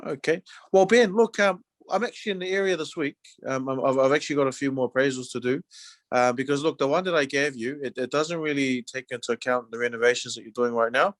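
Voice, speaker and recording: A real estate agent with a New Zealand accent gives relaxed, conversational sales talk in friendly, loose phrasing full of small verbal padding. His medium-pitched voice moves at a quick pace, and the recording is dry with no room sound.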